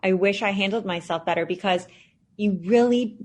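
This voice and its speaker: Here a founder in her thirties is a guest on a podcast, giving sincere, reflective answers peppered with fillers. Her pitch is medium, her tone somewhat dark, and she talks at a normal speed.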